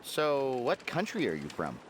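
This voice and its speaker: A man's voice: medium pitch, huge pitch swings, measured pace, background noise. An actor playing a young male time-travel agent who speaks in a dry, polite and lightly sarcastic way.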